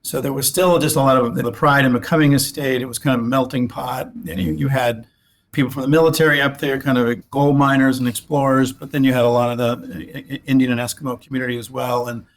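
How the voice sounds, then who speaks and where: Speaking quickly in a steady, mid-range voice, an Alaska-raised orthopedic spine surgeon in his sixties reminisces as an interview guest. His account rambles, circling back through restarts and repeated words.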